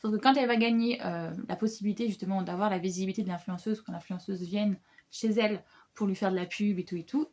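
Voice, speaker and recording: A woman's voice: medium pitch, fairly even intonation, quick pace, darkish tone. A young woman chatting casually about her reading plans as a book vlogger, with many fillers and restarts. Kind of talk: casual book haul chat.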